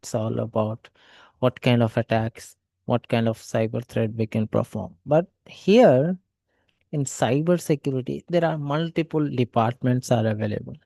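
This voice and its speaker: A man's voice: mid-range voice, moderate pace, vocal fry, warm tone, dry recording. A man teaching an online class, explaining step by step and often restarting with "okay, so". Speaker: cybersecurity trainer. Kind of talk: online lecture.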